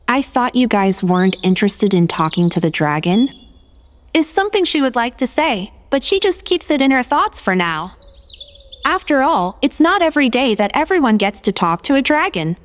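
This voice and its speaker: High, animated woman narrating a game. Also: normal speed, long reverb tail, a little hiss or hum. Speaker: player in a tabletop game replay. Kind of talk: scripted third-person narration with character dialogue.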